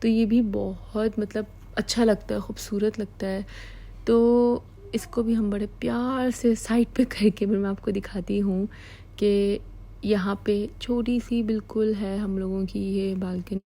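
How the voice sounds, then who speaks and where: A woman's voice: mid-range voice, steady tone, measured pace, warm tone, poor audio. A woman from Pakistan giving a chatty, affectionate vlog tour of her small apartment, repeating words like "pyari si". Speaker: vlogger.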